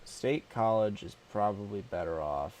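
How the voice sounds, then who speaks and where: A man with a sore throat giving casual, unscripted live weather commentary as a livestream host, halting and informal. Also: fairly low pitch, a little mellow, slight background noise. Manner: informal, halting, addressing viewers as y'all.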